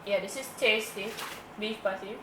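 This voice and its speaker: A woman's voice: mid-range voice, normal speed, fairly bright tone. A young adult woman chatting casually about food as a co-host, chewing while she talks. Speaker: mukbang co-host. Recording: echoey room, distant mic, clear background noise.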